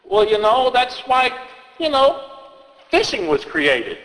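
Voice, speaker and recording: A man's voice: very high-pitched, sing-song, takes it slowly, a bit bright, big-room sound, low-quality recording. A man telling and reading folk tales aloud in a rambling, hesitant way, often restarting his sentences. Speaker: storyteller.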